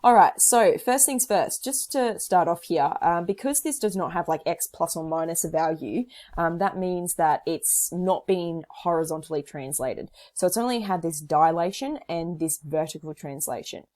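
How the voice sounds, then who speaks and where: A woman teaching a maths lesson, talking through each step of her working aloud in a casual way, her voice a little hoarse. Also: lowish voice, moderate pace, hardly any pauses, a little mellow. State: slightly hoarse. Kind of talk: recorded whiteboard lesson.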